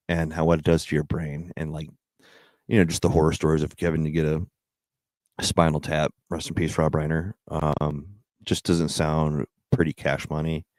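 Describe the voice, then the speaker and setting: A man's voice: a bass voice, darkish tone, no echo. A man chatting casually as a livestream host, in a rambling, slangy way with some swearing.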